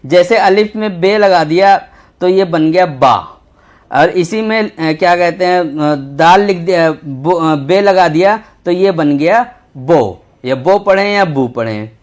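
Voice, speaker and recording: Patient Urdu teacher, man. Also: high voice. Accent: Indian Urdu. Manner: patient, slow, repeats letter names while writing. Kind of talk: textbook lesson for young children.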